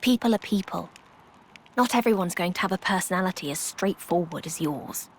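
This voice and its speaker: An actress with a lowish, expressive voice plays a composed, wise and formal travelling companion in a video game cutscene. She speaks in measured, articulate phrases with a calm, reflective mood, over slight background noise.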